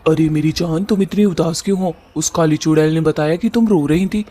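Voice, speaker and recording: A man doing a blunt, rough-talking cartoon husband. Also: a little high, a little fast, dark tone, natural voice. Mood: coaxing. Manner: brusque, rough colloquial. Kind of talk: cartoon voice acting.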